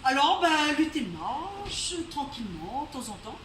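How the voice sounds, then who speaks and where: Her voice sits high and is very animated, a bit bright, and a little slow as this Réunion-accented woman tells a folk tale live at an evening storytelling event in a venue. She chats along, addressing the audience in asides and laughing frequently; the live recording sounds roomy and distant, with faint noise.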